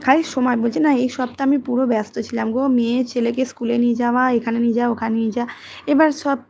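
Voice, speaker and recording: A woman, hosting a casual livestream, reading comments and talking softly and quietly. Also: steady tone, rapid-fire, gravelly, a little hiss or hum. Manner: soft, low-volume talk, as her daughter is studying. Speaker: livestream host.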